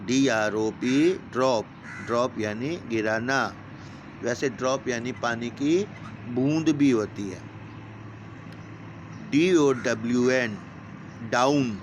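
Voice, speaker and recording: A school teacher with a mid-range voice gives young pupils a vocabulary lesson, patiently spelling each word letter by letter and then explaining its meaning. A little hiss or hum sits under the recording.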